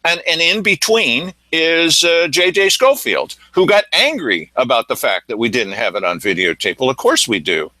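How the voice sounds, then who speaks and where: A man hosting a local news talk show, telling his stories in an animated way. His pitch swings widely. The sound is dry and close. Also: normal speed, few pauses, dry recording, rough recording. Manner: animated storytelling, acting out quotes. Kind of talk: casual commentary chat.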